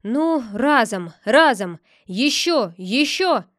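A woman's voice: a little high, unhurried, no echo, natural voice. Old village grandfather, woman reader doing him: blustering outbursts, raised voice, dry close sound. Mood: straining. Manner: loud exclaiming outbursts. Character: stubborn old village grandfather digging for treasure. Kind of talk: storybook reading.

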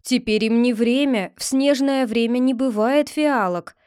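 A woman voicing a stern but kind old bearded man with a rough voice, in a read-aloud fairy tale. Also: fairly high pitch, unhurried, darkish tone, dry recording, clean studio sound, lightly acted.

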